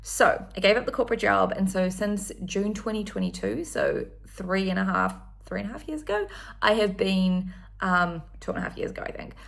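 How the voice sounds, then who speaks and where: A woman's voice: mid-range voice, big pitch swings, moderate pace, vocal fry, fairly bright tone. A woman in her thirties, from New Zealand, chatting enthusiastically in a casual one-take vlog with frequent ums. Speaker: vlogger.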